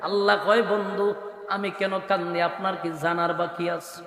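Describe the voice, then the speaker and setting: A man, preaching a sung sermon with Quranic recitation, swinging from loud cries to soft murmurs. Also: sits high, flat delivery, normal speed, creaky. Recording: echoey hall with faint music.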